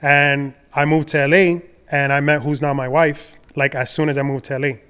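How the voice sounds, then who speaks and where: A young man with a smooth, clear voice, fairly high but held in a narrow, even pitch. He talks in a relaxed, rambling way, full of fillers and restarts. He comes from the Dominican Republic. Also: normal speed. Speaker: podcast guest, designer and entrepreneur. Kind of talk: casual conversational storytelling.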